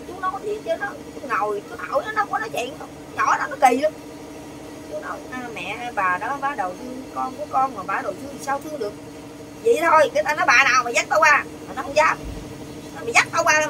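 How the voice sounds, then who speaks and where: Fast-talking older woman. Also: high-pitched, distant mic, background noise. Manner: animated, quoting others in quick bursts. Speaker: interviewee. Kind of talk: heated storytelling.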